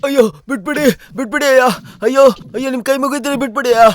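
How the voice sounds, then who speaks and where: A man's voice: very high-pitched, fairly even intonation, very fast, fairly bright tone, no room sound, faint music behind. An actor playing a man who is being beaten and cries out begging for mercy. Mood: pleading. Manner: pleading, crying out in pain. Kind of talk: Kannada film dub.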